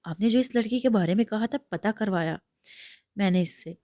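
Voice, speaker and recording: A woman's voice: medium pitch, warm tone, no echo, clean studio sound, lightly acted. A woman reading aloud, voicing a dutiful young male assistant who reports to his boss. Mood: reporting.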